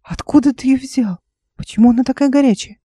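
A woman's voice: sits high, brisk, mellow, breathy edge, no echo, clean studio sound, voice pushed up. Woman reading as an impulsive young woman. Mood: exclaiming.

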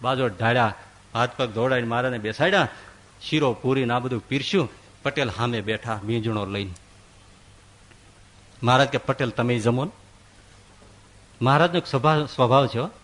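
A man, a swami, giving a devotional discourse and telling a story, acting out the characters' dialogue with big swings in pitch and loudness. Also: moderate pace, long pauses.

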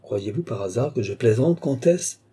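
Man doing a wily flattering old duke. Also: mid-range voice, normal speed, husky. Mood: sly. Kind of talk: audiobook character voice.

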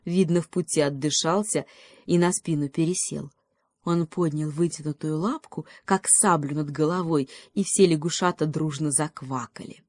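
A woman reads fairy tales aloud in a gentle, unhurried way. Her voice sits low and warm, and the recording is dry and close. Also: fairly even intonation, no room sound. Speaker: audiobook narrator. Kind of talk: fairy tale reading.

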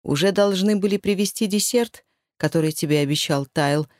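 A woman voicing a powerful, stern man who gives clipped, firm commands but softens with a child. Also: sits high, moderate pace, no room sound, studio quality, natural voice. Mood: soothing.

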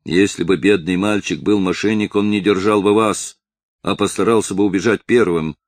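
A man's voice: low-pitched, steady tone, moderate pace, no room sound, studio quality, close to an everyday voice. Man voicing a commanding nobleman.

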